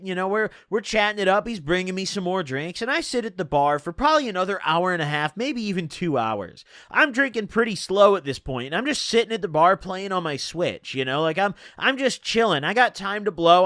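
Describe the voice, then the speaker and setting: A young man telling a casual personal story in laid-back stoner slang, swearing freely and punching his words with animated emphasis. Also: high-pitched, fairly quick, few pauses, dry recording, studio quality.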